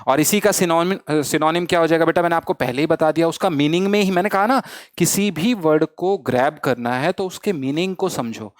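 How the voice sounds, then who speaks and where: Man teaching vocabulary with a high voice. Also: dry recording, clean studio sound. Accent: Indian. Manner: repeats questions to students, calls them beta. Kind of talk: online vocabulary lesson.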